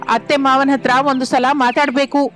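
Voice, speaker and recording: A woman's voice: high voice, flat delivery, moderate pace, faint music behind, close to an everyday voice. A woman voicing a loyal, determined young daughter-in-law who talks earnestly in a cartoon story. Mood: resolute. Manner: earnest, persuasive.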